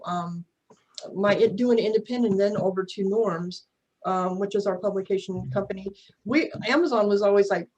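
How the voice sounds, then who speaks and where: A woman's voice: mid-range voice, a little mellow, lo-fi sound. A woman chatting informally as an author guest on a podcast. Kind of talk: casual chat.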